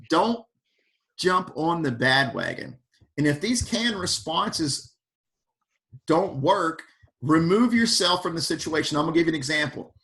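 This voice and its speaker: A man leading an online fire service workshop over a video call, speaking with energy and calling on attendees by name. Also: on the high side. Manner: animated, questions the audience by name. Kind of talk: energetic motivational talk.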